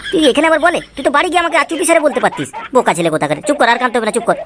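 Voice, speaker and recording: A woman voices an exasperated, foul-mouthed, sly father in a comic cartoon, grumbling and wheedling in a coaxing, placating mood. Her high, sing-song, a bit bright voice races along over music with slight background noise.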